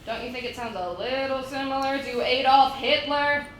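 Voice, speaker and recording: A woman's voice: high voice, normal speed, natural voice. An actress playing a blunt, exasperated woman candidate in a staged comedy reading. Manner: exasperated, emphatic. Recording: very echoey stage, distant mic, noisy.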